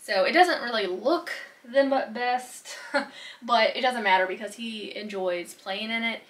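A woman's voice: on the high side, measured pace, fairly bright tone. A woman talks in a loose, rambling way to her phone camera. She is recording a casual home vlog in a small bedroom. She often reaches for "um" and "like" as she talks. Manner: chatty and rambling, with frequent fillers like "um" and "like". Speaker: lifestyle vlogger. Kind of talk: casual day-in-the-life vlog chat.

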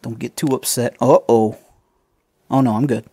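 His medium-pitched voice is mellow and husky with a steady tone as he builds a toy kit and chats casually with viewers, whom he calls folks. He pokes fun at himself at a moderate pace, unscripted, and the recording has no room sound.

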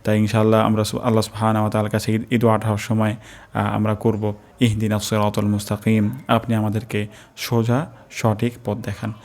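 A man teaching correct recitation of verses, repeating each word slowly and patiently for learners. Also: on the low side, monotone, creaky, a little mellow. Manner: patient, repeats words slowly and drills pronunciation. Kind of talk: instructional lesson with chanted recitation.

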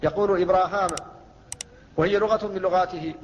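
A man's voice: high-pitched, flat delivery, a little fast, a little hiss or hum. A man teaching a classical lecture on Quran recitation, explaining steadily and quoting verses. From Mauritania. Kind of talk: classical Arabic lecture on tajweed. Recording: dull lo-fi lecture recording with long reverb.

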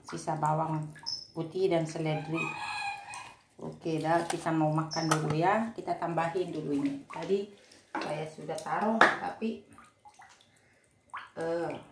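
A woman's voice: lowish voice, very noisy. A woman vlogging at home, talking casually while cooking and coaxing and scolding her dogs, sometimes imitating their barks. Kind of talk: casual home vlog talk.

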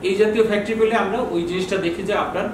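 In a small, bookshelf-lined office, a Bangladeshi man in his sixties, a customs bond official, explains procedures in an informal training lecture, often posing and answering his own questions. He speaks very fast in a high voice with fairly even intonation. The recording is very echoey and noisy, with a distant mic.

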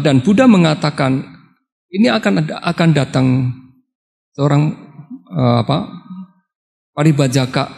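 Gravelly high-voiced monk in a reverberant hall. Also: male voice. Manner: lively, acts out quoted characters, laughs often. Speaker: Buddhist monk teacher. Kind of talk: dharma talk with storytelling. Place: meditation hall on retreat.

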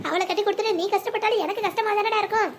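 A devoted cartoon mother, anxious yet tender, coaxing her child with endearments, voiced by a woman. Her voice is very high and brisk. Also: fairly even intonation, background noise. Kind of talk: animated family drama voicing.

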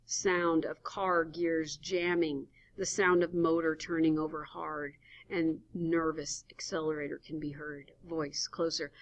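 A woman's voice: low voice, flat delivery, measured pace. A woman giving a dramatic reading of a radio play, reading the stage directions plainly, on a dull lo-fi recording. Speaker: reader.

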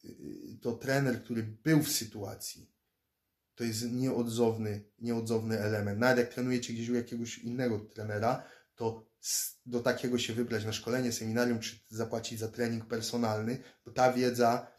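Speaking at a moderate pace, this Polish fighter and self-defense instructor vlogger has a medium-pitched, darkish voice with little pitch movement. In his thirties, he rambles casually to a phone or laptop camera held close in a small room, frequently restarting and repeating words.

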